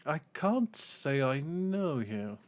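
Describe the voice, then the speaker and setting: Man as a slow-spoken haughty deity. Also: a little high, big pitch swings, voice pushed up. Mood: disdainful. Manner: formal, measured, condescending. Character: haughty, dismissive deity granting audience.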